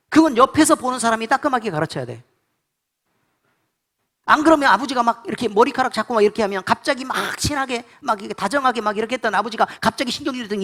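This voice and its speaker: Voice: mid-range voice, fairly bright tone. A pastor preaching a sermon in blunt, colloquial speech, repeatedly quizzing the congregation with call-and-response questions.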